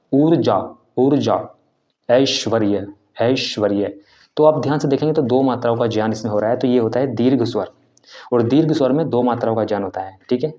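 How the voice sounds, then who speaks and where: A man's voice: mid-range voice, mellow. A man giving a video lesson on Hindi and Sanskrit letters, asking himself questions and drawing out the sounds as he pronounces them. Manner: drawn-out, careful pronunciation of sounds; tags points with "theek hai". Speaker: teacher of Hindi and Sanskrit basics. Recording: slightly dull, lo-fi audio.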